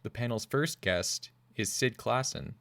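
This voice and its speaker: A male podcast host introducing guests and asking questions in a measured, scripted way. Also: mid-range voice, a bit bright, no room sound. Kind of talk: scripted narration and interview questions.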